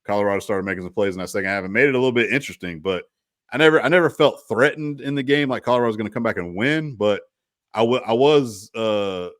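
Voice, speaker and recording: A man with a lowish voice chatting about college football in a loose, rambling way, circling back and restarting his sentences. The sound is dry and close, with no room around it. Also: quick pace, fairly bright tone, no room sound. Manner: rambling, restarts, lots of "you know". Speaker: co-host. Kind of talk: casual sports talk.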